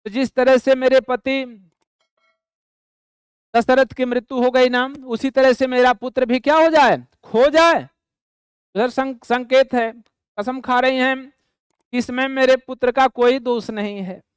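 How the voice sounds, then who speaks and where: High, smooth-voiced male Hindi teacher. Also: fairly even intonation, no room sound, clean studio sound. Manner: recites verse slowly in a chanting tone, then explains plainly. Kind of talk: explaining a poem to students.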